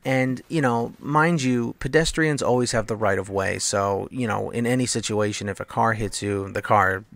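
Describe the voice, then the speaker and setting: Young male commentator, gravelly, dry close mic, rambling storyteller. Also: on the low side, normal speed, a bit bright, no echo. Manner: rambling, filler-heavy, acts out quoted voices. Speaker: gameplay commentator. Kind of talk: casual storytelling over gameplay.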